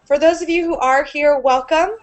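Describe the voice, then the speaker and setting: A young woman teaching an online English class over a video call with earbuds, explaining clearly and upbeat. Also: high voice, steady tone, normal speed. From United States. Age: young adult. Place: small room indoors. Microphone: earbud headset on a video call.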